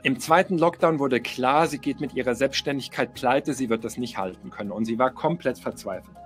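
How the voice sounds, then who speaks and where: A man's voice: mid-range voice, a little fast, faint music behind. A middle-aged man giving a motivational coaching talk, emphatic, repeating key phrases and speaking straight to the listener. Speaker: life coach.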